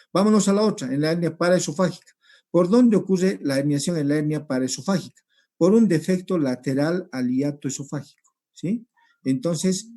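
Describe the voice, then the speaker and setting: A man giving a recorded medical lecture over slides, explaining step by step and often checking with a quick "¿sí?". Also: fairly high pitch, warm tone. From Peru. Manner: explanatory, repeats points, checks with rhetorical "¿sí?".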